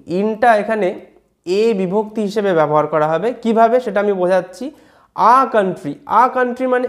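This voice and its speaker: A teacher with a Bengali accent, giving an English reading lesson and explaining each word slowly. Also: mid-range voice. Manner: explains slowly word by word, often asks "ঠিক আছে?".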